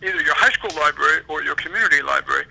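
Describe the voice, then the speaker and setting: A man's voice: on the high side, very fast, creaky, sharp tone, low-quality recording. A man, an author and historian, answering interview questions in a rambling, digressive way.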